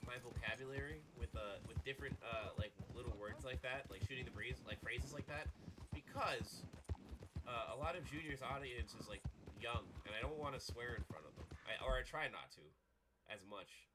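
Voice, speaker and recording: A man streaming a video game with a stuffy nose from a cold, chatting and rambling, then bursting into loud excited exclamations. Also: medium pitch, moderate pace, heavy background noise. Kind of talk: casual gaming commentary. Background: game music.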